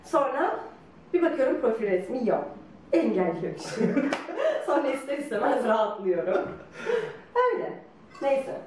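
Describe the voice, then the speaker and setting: Animated woman in a roomy echo. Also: fairly high pitch, unhurried, long pauses, distant mic, a loud crowd. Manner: animated, teasing, laughs often. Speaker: guest telling her couple's story. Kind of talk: lively casual storytelling.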